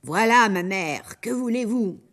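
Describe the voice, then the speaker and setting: A woman voicing the spiteful young daughter of an ogress, giving snappish orders in a husky, lively voice. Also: mid-range voice, a little slow. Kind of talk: storybook character voice.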